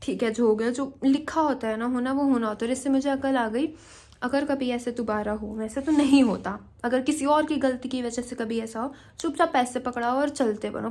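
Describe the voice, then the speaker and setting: A woman's voice: fairly high pitch, a little mellow. A young woman from India telling a story in a casual vlog, fiery and mixing English phrases into her talk. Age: young adult. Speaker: vlogger.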